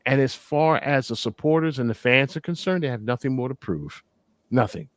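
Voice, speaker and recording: A man's voice: medium pitch, animated, normal speed, dry recording. A middle-aged man hosting a casual sports podcast, talking bluntly and with feeling and repeating phrases for emphasis. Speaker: podcast host.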